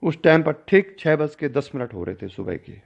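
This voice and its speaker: Older man with a gravelly voice telling a spiritual story. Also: sing-song, normal speed. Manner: storytelling, acting out dialogue with shifts in pitch and loudness. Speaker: spiritual teacher. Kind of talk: recounting a personal story in a discourse. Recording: dull lo-fi recording.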